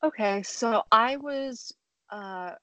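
A woman's voice: on the high side, slow pace, sharp tone, no echo, rough recording. A young woman from China, chatting casually as a guest musician with lots of fillers. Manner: casual, many fillers and hedges. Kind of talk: podcast interview.

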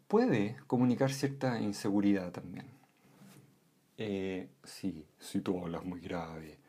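A man explaining voice and communication in a calm lesson, often checking in with short "¿m?" and "¿ya?" tags. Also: mid-range voice, slightly rough. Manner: calm, with frequent "¿m?" and "¿ya?" check-ins. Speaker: voice and communication instructor.

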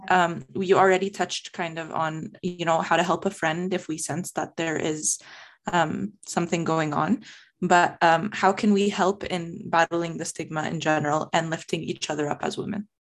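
Woman podcast host, slightly low pitch, hesitant questioning with fillers. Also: steady tone, moderate pace. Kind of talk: casual podcast interview.

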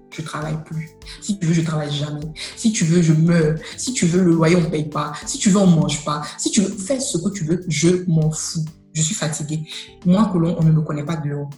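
A woman's voice: deep voice, mellow, reverberant. A woman giving a personal faith testimony, telling her story animatedly and acting out the dialogue. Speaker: guest sharing a testimony.

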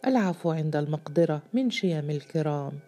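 Anxious, pleading storybook police chief, read by a woman, low and mellow. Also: expressive, fairly quick, soft background music. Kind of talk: storybook reading.

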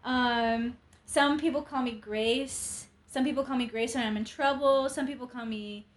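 A woman's voice: on the high side, steady tone, normal speed. A woman in her twenties, a podcast guest at a friend's home, chatting nervously with lots of giggles and casual swearing. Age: 20s. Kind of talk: casual chat.

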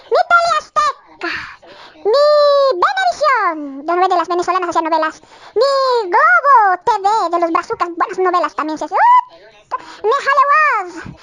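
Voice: very high voice, sing-song, normal speed, bright, forceful tone, slight background noise, full character voice. A performer voicing a tiny, ranting dwarf with a Bolivian accent in a comic monologue. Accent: Bolivian Spanish. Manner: ranting, exclamatory, sings snatches of songs.

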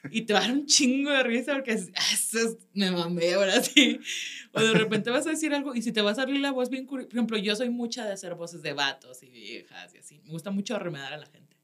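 A woman stand-up comedian with a Mexican accent, telling stories in a casual chat, animated and laughing often, with lots of slang. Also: on the high side, fast talker, hardly any pauses.

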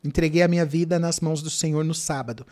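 A man's voice: fairly high pitch, steady tone, fast. A man, a guest telling his faith testimony with dramatic retellings of his prayers and cries. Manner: dramatic, reenacts his own shouting and prayers.

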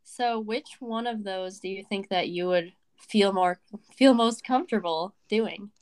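A woman's voice: medium pitch, measured pace. Chatty woman podcast co-host, post-covid voice. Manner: rambling, many fillers and restarts. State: recovering from covid, voice may crack. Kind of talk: casual chat.

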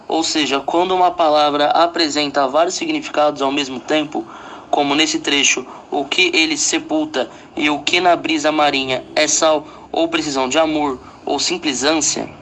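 A man giving a school presentation, reading a poem and his analysis of it in a steady, measured way. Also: fairly high pitch, slight background noise. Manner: reads aloud from a prepared text, steady and measured.

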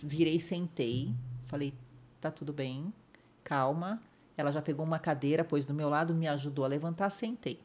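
A middle-aged Brazilian woman with a somewhat low voice tells her story as a podcast guest. She acts out the voices of the people in it and lets her voice sink to a near whisper when it hurts. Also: moderate pace. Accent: Brazilian Portuguese. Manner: vivid retelling, acts out others' lines, drops to a hush at painful moments. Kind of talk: emotional personal storytelling.

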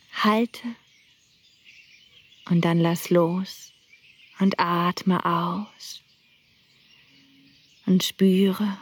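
Woman, whispered guided meditation, very slow, breathy. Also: medium pitch. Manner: soft whispering, slow and calm.

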